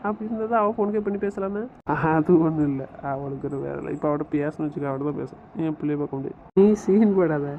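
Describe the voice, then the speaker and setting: Teasing brother on a tinny phone line. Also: male voice, fairly high pitch, fairly even intonation, fast talker, slight background noise. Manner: teasing, scolding banter. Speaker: older brother on a phone call. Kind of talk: casual family phone chat.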